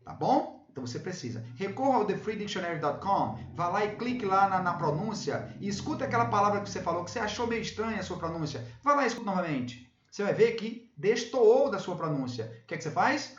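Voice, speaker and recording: A man's voice: sits high, sing-song, fast talker, few pauses. A Brazilian man teaching English in a casual video lesson. He often repeats himself and checks in with his viewers. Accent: Brazilian Portuguese. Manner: repeats himself, tags phrases with "tá bom?". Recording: echoey room, slightly dull sound.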